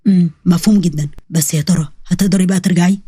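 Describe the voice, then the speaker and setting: A woman voicing a mysterious ageless man with an Egyptian accent, who speaks in a calm, low, quietly menacing way. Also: racing, breathy edge, no echo. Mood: eerie calm.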